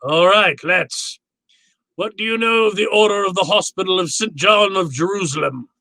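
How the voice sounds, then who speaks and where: Bright, high-voiced, courtly crime boss. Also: male voice, moderate pace, gravelly, no echo, exaggerated voice, rough recording. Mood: courtly, eager. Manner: florid, grandly polite storyteller. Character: courtly, genial fat crime boss, relishing his tale. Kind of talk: radio drama acting.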